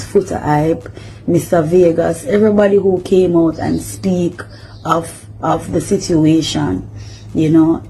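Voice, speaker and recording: A woman giving an emotional apology on a livestream, in a subdued, halting, heartfelt way. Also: on the low side, warm tone, a little hiss or hum, rough recording.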